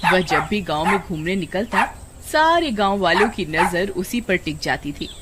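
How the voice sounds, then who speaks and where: A woman's voice: on the low side, animated, normal speed. A woman reading scripted narration for a children's story. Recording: very noisy background.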